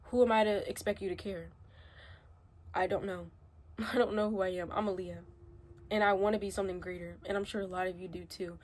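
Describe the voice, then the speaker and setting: A young woman speaks through tears in an emotional confessional monologue, halting and restarting as her voice climbs and cracks. Her tone is husky and breathy, and her pitch sits mid-range for a woman. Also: steady tone, darkish tone. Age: young adult. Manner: tearful, halting, voice rising when upset. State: crying. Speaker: vlogger.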